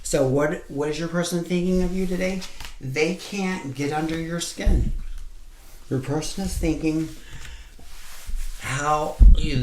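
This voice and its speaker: A man's voice: fairly high pitch, a little mellow. A man giving a casual pick-a-card tarot reading, blunt and profane, repeating points over and over for emphasis. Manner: blunt, swears freely, repeats himself for emphasis. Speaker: tarot reader. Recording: echoey room with faint noise.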